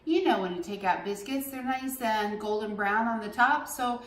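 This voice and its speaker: A woman's voice: a little high, normal speed, a bit bright, a little hiss or hum. A woman hosting a home cooking demonstration, talking in a chatty, homey way as she works. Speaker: cooking channel host. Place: home kitchen. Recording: echoey kitchen, distant mic.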